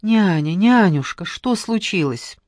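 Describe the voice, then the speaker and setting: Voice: mid-range voice, lively intonation, a little slow, no room sound, clean studio sound, close to an everyday voice. A narrator voicing an anxious, headstrong young noble girl who presses urgently for answers. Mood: pleading. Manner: urgent, pleading, insistent. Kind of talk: audiobook character reading.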